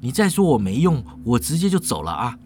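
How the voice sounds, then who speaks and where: A storyteller voicing an exasperated young man who speaks low and quiet. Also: sing-song, fairly quick, a little hiss or hum, close to an everyday voice.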